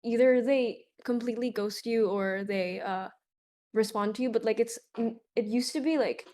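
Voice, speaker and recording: A woman's voice: fairly high pitch, normal speed. Young Indonesian woman, chatty guest. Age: young adult. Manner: relaxed, chatty, many "like" fillers. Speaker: guest concert photographer. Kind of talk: casual interview answers.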